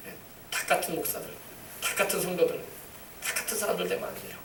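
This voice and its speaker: Man preaching in church, high and emphatic, roomy sound from a ways off. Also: fast, slight background noise. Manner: emphatic, repetitive preaching with congregation responses. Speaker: pastor. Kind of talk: sermon. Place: church sanctuary. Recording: echoey church, mic far off.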